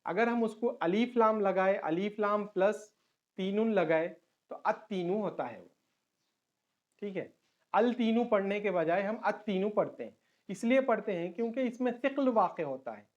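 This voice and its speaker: A man's voice: high voice, lively intonation, a little mellow. Male teacher. Patient online lesson that repeats key terms and switches into English. Dull, lo-fi recording.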